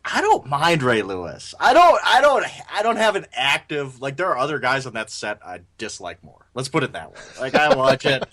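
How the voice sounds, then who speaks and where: A man co-hosting a casual sports podcast, animated and opinionated, often restarting his sentences as he talks. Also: medium pitch, moderate pace, hardly any pauses. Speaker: podcast co-host.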